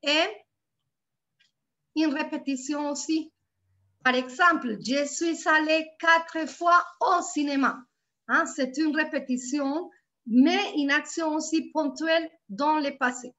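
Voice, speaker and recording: Patient high-voiced woman teaching French. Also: steady tone, fairly bright tone. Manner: patient, repeats words slowly and checks for understanding. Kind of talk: live online class teaching grammar.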